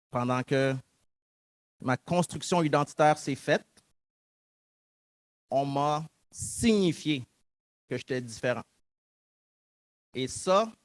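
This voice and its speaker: A man's voice: on the high side, no echo. A man in his thirties from Montreal with a Québécois accent, giving a public talk and reflecting earnestly on his own story. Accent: Québécois French. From Montreal, Quebec. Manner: earnest, reflective, acts out remembered dialogue. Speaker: guest speaker.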